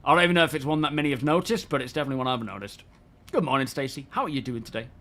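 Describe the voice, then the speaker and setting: A man's voice: mid-range voice, lively intonation, racing, fairly bright tone. A man live-streaming a game, chatting casually and rambling while greeting his viewers by name. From United Kingdom.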